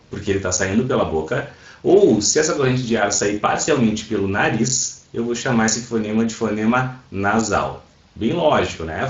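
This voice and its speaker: A man teaching an online class, explaining patiently and often checking that his students are following. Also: fairly low pitch. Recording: roomy, dull sound. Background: airplanes passing overhead.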